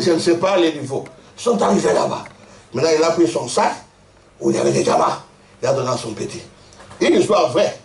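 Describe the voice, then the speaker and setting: A man preaching in an echoey church hall, his high voice leaping up and down as he tells animated stories. He laughs often and slips into the voices of his characters while the congregation answers him. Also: slight background noise. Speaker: pastor. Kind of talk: lively sermon with congregation responses. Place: church in Brussels.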